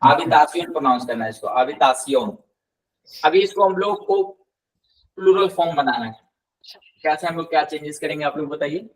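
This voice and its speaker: Patient male tutor, a bit off-mic. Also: on the high side. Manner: patient, repeats words slowly and quizzes students. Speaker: Spanish tutor. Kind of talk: live class teaching with explanations. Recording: voice somewhat distant from the mic.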